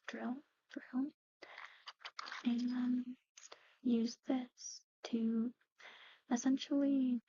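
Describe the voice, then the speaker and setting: Softly explaining procedures, a woman with a slightly high voice performs a whispered ASMR medical roleplay. She stays hushed, breathy, and unhurried, gently explaining, on a somewhat muffled recording.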